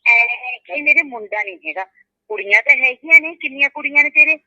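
A woman's voice: high voice, brisk, pushed and bright, no echo, heavily acted. Woman playing consoling friend on a phone call, reassuring, emphatic, dry dull recording. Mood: concerned. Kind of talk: web drama acting.

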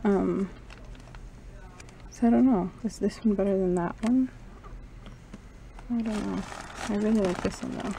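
The audio is poor, with slight background noise, as a young woman speaks at a measured pace in a dark, medium-pitched, steady voice with vocal fry and frequent pauses. A travel vlogger, she casually narrates while shopping indoors in stores and a mall, chatty and hedging aloud with "I don't know." She films on a handheld camera held at arm's length.

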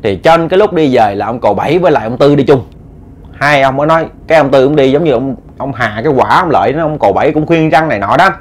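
A man's voice: mid-range voice, animated, fast talker. A man with a Southern Vietnamese accent narrating a ghost story in a conversational, earnest way.

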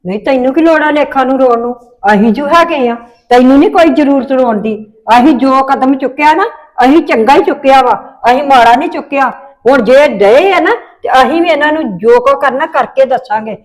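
A woman's voice: sits high, brisk. A middle-aged woman with a Punjabi accent, acting a firm, scolding mother in a family drama.

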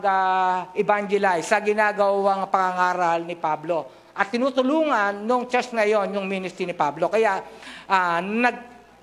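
Middle-aged Filipino pastor preaching. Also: male voice, high-pitched, fairly bright tone. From Philippines. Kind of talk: sermon. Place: large church hall with a stage and seated congregation. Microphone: handheld.

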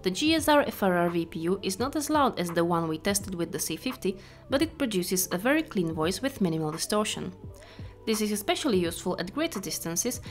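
Woman, scripted narration, product review, mid-range pitch, faint background music.

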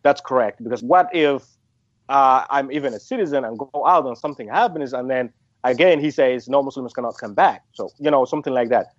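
A man's voice: mid-range voice, fairly quick, no echo, lo-fi sound. A man from Somalia speaking in an interview, hesitant, with many restarts and fillers. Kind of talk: phone interview.

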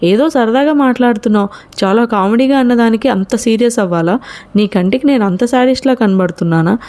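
A sharp-tongued young college woman, sarcastic and quick-tempered, played by a woman narrator. Her voice is raised a little higher than the narration. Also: lightly acted. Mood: hurt.

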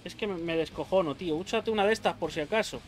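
A man whose voice sits high talks fast as a gaming YouTuber in the middle of a boss fight. He swears, yelps, and talks to himself frantically while faint game music plays underneath.

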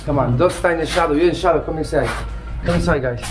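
A man directing a film shoot, giving brisk instructions with fillers in a large abandoned building. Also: a little high, music in the background. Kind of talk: directing on set, casual chat. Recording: echoey empty rooms, mic at distance.

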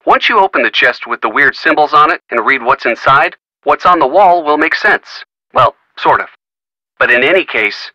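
An actor with a slightly high, sharp voice plays a friendly video game character who offers folksy puzzle hints with wry little asides. It's recorded game dialogue, with dry and poor-quality audio.

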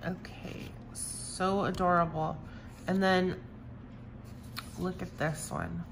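A woman's voice: on the low side, fairly even intonation, slow, noisy background. A woman showing off new craft stamps in a casual, gushing way, repeating how much she loves each one. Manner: gushing, enthusiastic, repeats "I love" and "so cute". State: has the hiccups. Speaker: crafting vlogger. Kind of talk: casual show-and-tell of stamps.

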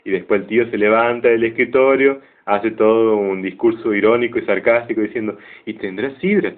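A man's voice: fairly low pitch, fairly even intonation, a little fast. A man hosting a show, retelling a cartoon story in a casual, chatty way with joking asides. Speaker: cartoon reviewer. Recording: tinny phone-like sound.

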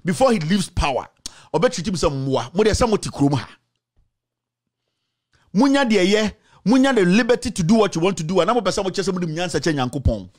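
A man's voice: high voice, lively intonation, quick pace, a little mellow. A man in his thirties with a Ghanaian accent, ranting angrily on a political talk show, switching between English and Twi. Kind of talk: heated political commentary. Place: small studio with screen backdrop. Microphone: studio mic on stand.

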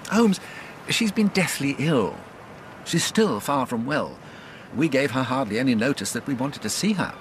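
Doctor Watson, a man's animated English companion. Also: mid-range voice, moderate pace, a little hiss or hum, natural voice. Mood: firm, earnest. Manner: earnest, mildly indignant. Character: earnest, plain-spoken male doctor, detective's loyal companion. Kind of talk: British radio drama acting.

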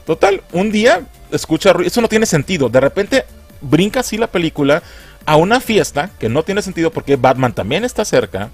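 A Mexican man mocking a film in a comic review, exasperated and crude. His voice sits somewhat high and swings widely in pitch. Faint music plays in the background. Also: very animated, a little fast, slightly rough. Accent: Mexican Spanish.

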